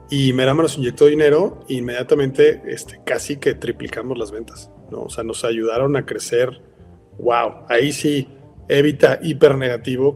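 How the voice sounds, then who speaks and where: A man with a Mexican accent, a company founder, rambles as a guest in a casual interview, sprinkling in many "este" fillers. His voice is mid-range with a darkish tone.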